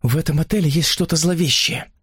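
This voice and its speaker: A man voicing a nervous, uneasy young woman in an audiobook, speaking softly and tensely. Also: fairly high pitch, sing-song, fast, slightly rough, pitched above the performer's own voice.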